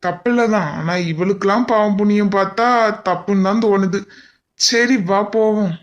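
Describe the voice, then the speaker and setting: Woman as a brusque young husband, mid-range voice; animated family drama. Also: medium pitch, moderate pace, muffled recording, lightly acted. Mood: curt. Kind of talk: cartoon voice acting.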